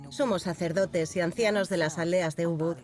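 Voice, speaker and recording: A woman narrating a documentary in a measured, scripted way. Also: fairly low pitch, fairly even intonation, a little mellow.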